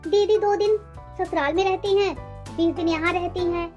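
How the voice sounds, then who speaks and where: With background music playing, a woman performs a comedy skit as a sly young daughter-in-law sweet-talking her mother-in-law in a sugary, placating manner. Her voice is very high-pitched and darkish, with fairly even intonation at a normal speed.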